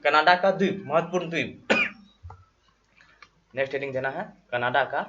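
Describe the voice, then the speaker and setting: A man teaching a classroom geography lesson, dictating notes slowly and quizzing his students with repeated questions. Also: a little high, background noise. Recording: dull lo-fi classroom recording.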